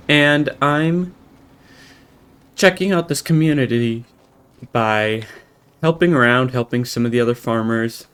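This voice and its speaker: An American man giving in-character roleplay commentary while playing a farming game, halting and rambling with many restarts. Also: mid-range voice, a bit bright, smooth. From United States. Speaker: game roleplayer and channel host.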